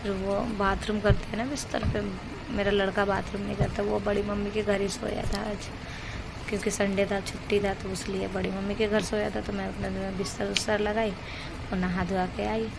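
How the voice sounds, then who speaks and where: Young woman vlogging, voice worn rough. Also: medium pitch, little pitch movement, moderate pace, very noisy. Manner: rambling, chatty storytelling of chores. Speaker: home vlogger. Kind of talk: casual daily-life vlog narration. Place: at home.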